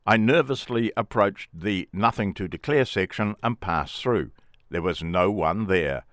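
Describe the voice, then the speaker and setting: Low-voiced man telling his story. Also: animated, unhurried, a bit bright, dry recording, clean studio sound. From England. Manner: plain, wry first-person storytelling. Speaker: memoir author and narrator. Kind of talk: reading a memoir aloud.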